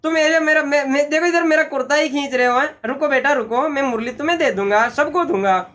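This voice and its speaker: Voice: sits high, fairly quick, fairly bright tone. A teacher playing a cheerful flute seller. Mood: coaxing. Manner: patient, coaxing, repeats himself. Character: cheerful male flute seller soothing a crowd of kids.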